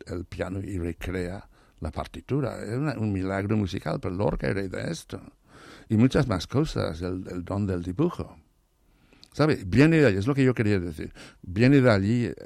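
A hoarse man with a very deep voice and a gravelly rasp, speaking in a learned, non-native Spanish. He talks eagerly in an interview, often repeating himself and restarting words. The sound is dry and close. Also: darkish tone, dry recording. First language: not Spanish. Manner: enthusiastic, restarts words, many repetitions. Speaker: interview guest, literary scholar. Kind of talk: thoughtful conversational interview.

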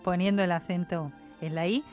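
A woman hosts a radio interview in Spanish, speaking in a slightly low voice. Her manner is warm and playful. Faint film score plays quietly beneath her. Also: steady tone, normal speed. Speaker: radio host. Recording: soft music playing underneath.

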